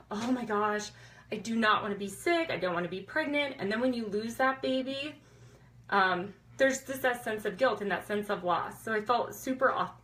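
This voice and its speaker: Woman, 30s, chiropractor telling a personal story to camera; bright, forward tone, candid and conversational with lots of "um"s. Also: medium pitch, rough recording. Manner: candid, conversational, frequent "um" fillers. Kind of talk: personal story told to viewers.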